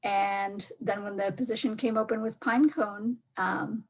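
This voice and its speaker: Woman arts administrator, husky voice, modest and steady, panel guest on a video call. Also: medium pitch, a little slow, rough recording. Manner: steady and modest, frequent ums. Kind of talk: casual panel discussion.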